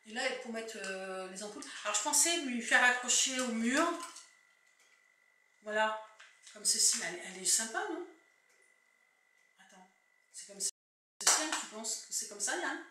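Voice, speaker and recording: A woman's voice: a little high, pushed and bright. Chatty Picard woman in an echoey room. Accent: Picard French. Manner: chatty, rambling, restarts sentences often. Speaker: vlogger. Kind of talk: casual shopping-haul chat. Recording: echoey room, distant mic, faint noise.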